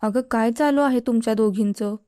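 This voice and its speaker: A gentle old grandmother coaxes her granddaughter in a spoken storybook, voiced by a woman reader. The voice is mellow and smooth, recorded close and dry. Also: on the high side, normal speed, no room sound, lightly acted. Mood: coaxing.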